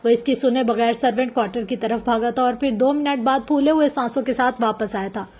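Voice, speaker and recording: A woman reading a novel aloud in a smooth, steady narrating voice. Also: fairly high pitch, brisk. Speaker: novel reader.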